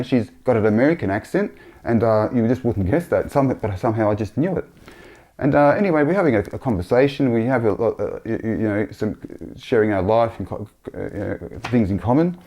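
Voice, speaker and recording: A man sharing a personal religious testimony in a halting, earnest way, often repeating himself. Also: medium pitch, animated, dark tone.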